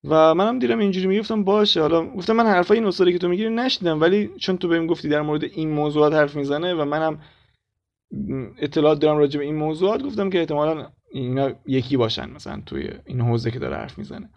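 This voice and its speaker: A man with an Iranian Persian accent speaks in an informal, chatty storytelling way. His voice sits a little high for a man and has a strong creaky edge. The recording sounds slightly dull and lo-fi. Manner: informal, colloquial, conversational. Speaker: spiritual self-help content creator. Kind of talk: casual storytelling monologue.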